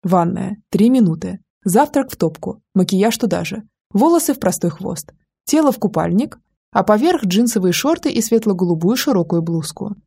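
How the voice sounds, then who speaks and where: Brief: female audiobook narrator, warm and breathy, lively first-person storytelling. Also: medium pitch, normal speed. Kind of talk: scripted narration.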